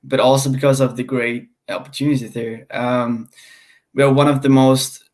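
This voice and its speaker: A young man from Sweden, a university student, answering calmly on a video call. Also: medium pitch, moderate pace. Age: young adult. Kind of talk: casual interview answers.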